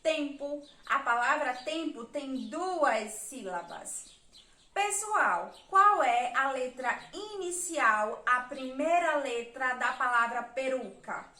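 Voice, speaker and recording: Brazilian woman teacher for a children's remote class: high voice, slow and patient, echoey room. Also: animated, pushed and bright. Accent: Brazilian Portuguese. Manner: slow, patient, counts and spells aloud. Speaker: primary school teacher.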